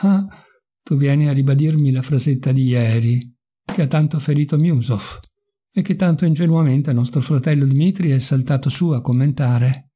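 A man's voice: medium pitch, moderate pace, mellow, husky, natural voice. A man voicing a bitter, mocking young intellectual in a read-aloud novel, with a wry, sardonic manner.

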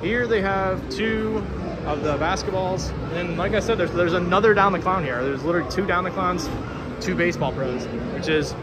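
A man's voice: high-pitched, moderate pace, heavy background noise. A man walking through a large indoor arcade, filming on a handheld phone and casually listing the games with many filler uhs. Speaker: arcade vlogger. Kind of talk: walking tour narration. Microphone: handheld phone camera. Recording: arcade music loud behind voice. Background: loud arcade music.

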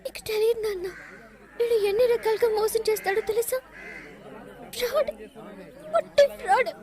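పదునైన మాటల పొగరుబోతు యువతి. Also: female voice, very high-pitched, normal speed, a crowd in the background. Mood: scolding. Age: young adult. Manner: defiant, scolding. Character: headstrong young woman, sharp-tongued and stubborn. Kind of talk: dubbed film dialogue.

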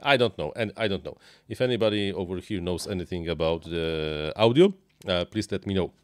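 This man in his thirties has a low-pitched, nasal voice and talks haltingly, with frequent uhs, restarts, and non-native phrasing. He's live-streaming an RC model plane build, chatting off the cuff at a small home workshop desk indoors. The close dynamic mic on a boom arm, used with headphones, picks up no echo.

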